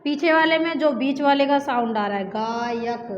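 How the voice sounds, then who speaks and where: A woman's voice: sits high, normal speed. A woman teaching a grammar lesson for exam preparation, talking patiently and repeating each example, often checking in with her students. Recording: echoey room, dull sound, faint hiss.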